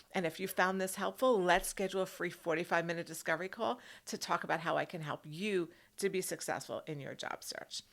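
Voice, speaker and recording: Her voice lowish and a bit bright, a woman who works as a career coach hosts an advice video. She addresses the viewer directly, emphatic and instructive, frequently adding short tag questions to check in.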